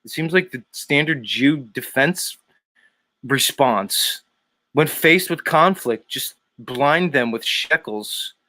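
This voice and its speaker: A man's voice: mid-range voice, lively intonation, slow pace, bright, forceful tone, no echo. Crude, mocking male streamer. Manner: crude, mocking, laughs often. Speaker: streamer host. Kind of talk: casual livestream chat.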